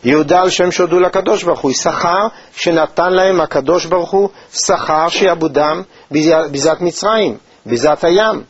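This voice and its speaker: A man teaching a Torah lesson in a measured, thoughtful way, with pauses and hesitations. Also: on the high side. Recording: dull, lo-fi recording.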